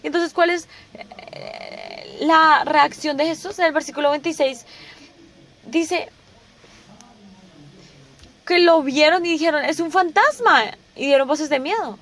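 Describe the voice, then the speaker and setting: A woman's voice: high-pitched, steady tone, a little slow, pauses often, a bit bright. A woman preaching a sermon, asking rhetorical questions and restating each point several times. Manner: asks the listeners rhetorical questions.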